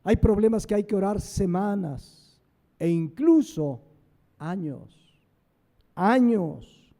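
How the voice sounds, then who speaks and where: A pastor preaching in a high, mellow voice. He fires questions at his listeners and answers them himself, leaning hard on single words. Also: expressive, slow pace. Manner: emphatic, stresses words one by one. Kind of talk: sermon.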